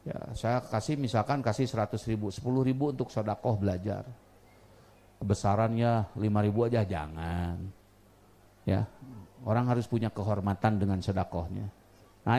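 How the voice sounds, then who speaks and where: A man preaching a sermon to a live audience, telling animated stories with a touch of humor. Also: medium pitch, creaky. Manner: lively, animated storytelling with acted quotes and humor. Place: lecture hall with audience.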